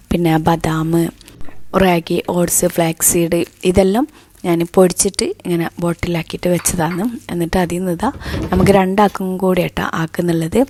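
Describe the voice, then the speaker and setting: A woman narrating a casual day-in-the-life vlog in a soft, hushed voice, chatty and explaining each step as she goes. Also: lowish voice. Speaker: vlogger.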